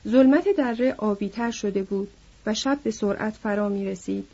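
Woman narrator, measured somber audiobook reading, husky mellow voice, dull lo-fi. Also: medium pitch. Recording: dull lo-fi recording.

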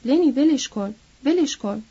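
A woman's voice: sits high, mellow, dull audio, close to an everyday voice. A woman voicing a worried, protective adult ranch man in a read-aloud story, calling out urgent commands.

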